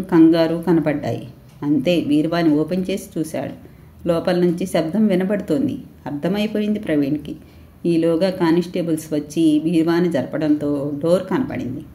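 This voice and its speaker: A woman narrates a crime thriller in a steady, expressive reading voice. Her voice sits fairly low and sounds mellow and dark. The room around her gives clear echo. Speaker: storyteller. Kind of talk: storybook narration.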